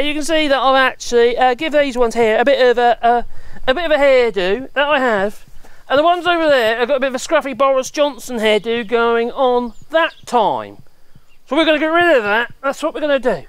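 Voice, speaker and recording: Lively, jokey woman gardening outdoors. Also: sits high, clear, resonant tone, dry recording. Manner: chatty and jokey, chatting to her dog. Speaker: gardening vlogger. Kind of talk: casual gardening walkthrough.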